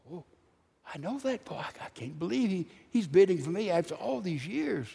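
A man voicing an ashamed woman who was sold at a slave auction. He speaks her lines in a hushed, disbelieving way. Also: high-pitched, sing-song, normal speed, creaky, husky, heavily acted. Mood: stunned, fearful. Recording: long hall reverb.

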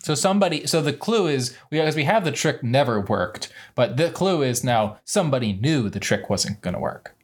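Tabletop player, swoopy lively voice, mid pitch, jokey. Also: moderate pace, few pauses, breathy edge. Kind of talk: casual tabletop play.

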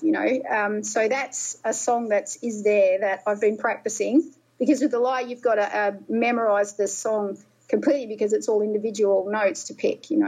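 A woman's voice: mid-range voice, darkish tone, breathy edge, rough recording. A middle-aged woman guest chatting casually on a podcast, rambling with many fillers and restarts. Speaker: guest musician.

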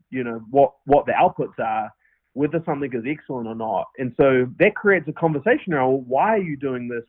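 On a podcast, a New Zealand-accented man who founded a company gives sincere, casual answers peppered with fillers and false starts. His voice is medium in pitch with a breathy edge, heard over a tinny phone line with no room sound.

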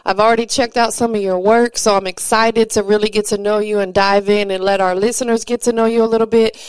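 A woman's voice: medium pitch, level tone, clear, resonant tone, no echo. A woman hosting a live radio show, upbeat and enthusiastic as she interviews a guest from a studio. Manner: bubbly, enthusiastic, quick to laugh. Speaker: radio host.

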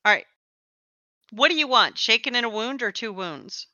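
A woman's voice: a little high, animated, normal speed, pushed and bright, dry recording, dull audio. A woman speaking as game master, casually narrating a tabletop game.

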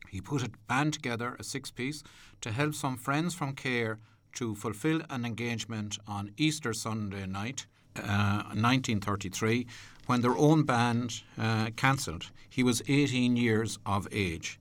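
Irish man, radio host, medium pitch, courteous announcing, unhurried, slightly hesitant, dry studio sound. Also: a bit bright, no room sound. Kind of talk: radio presenting, part prepared narration, part chat.

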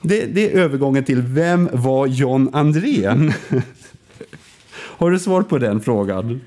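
A man's voice: expressive, mellow. A man in casual conversation, telling a film story with restarts and fillers. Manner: storytelling, acts out quoted lines with big pitch swings; hesitant, frequent restarts and fillers.

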